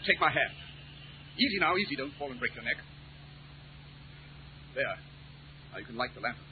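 An actor playing a brisk, self-assured British detective with a crisp, commanding, theatrical delivery in an old radio drama. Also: male voice, medium pitch, big pitch swings, close to an everyday voice. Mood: urgent. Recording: tinny, noisy old radio recording.

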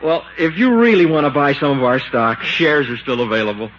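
A man's voice: mid-range voice, very animated, brisk, fairly bright tone. An actor playing a good-natured, teasing man in old radio comedy style. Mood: amused, teasing. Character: teasing, good-natured male office visitor. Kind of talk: 1940s radio comedy acting. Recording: muffled old radio recording, faint noise.

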